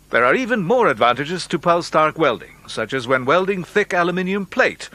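A man narrating an industrial training film in a measured, instructive way, as a studio voice-over. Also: a little high, sharp tone, a little hiss or hum. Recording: faint music behind narration.

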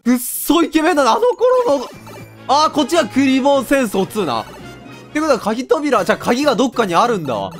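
Young man, game commentator, loud and joking, bouncy swinging pitch, faint music behind. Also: sing-song, a little fast. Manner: loud, joking, often laughing and shouting. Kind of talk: excitable let's-play commentary.

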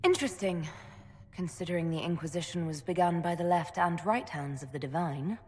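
A woman's voice: on the low side, a little fast, a little mellow, close to an everyday voice. An actress playing a dry, wry young noblewoman hero in a fantasy video game. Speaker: game protagonist. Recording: reverberant game audio with faint ambience.

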